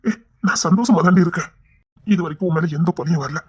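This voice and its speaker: An actor voicing a gentle young husband and father in a cartoon web series, with a Kanyakumari Tamil accent and a soft, hushed delivery. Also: on the high side, fairly even intonation, fast, slightly rough. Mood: tender. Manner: soft, tender, often hushed.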